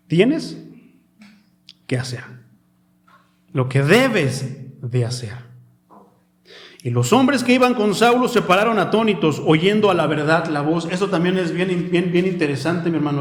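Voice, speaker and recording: Man preaching in an echoey room. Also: a little high. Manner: addresses listeners as "mi hermano", slows for scripture. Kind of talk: sermon.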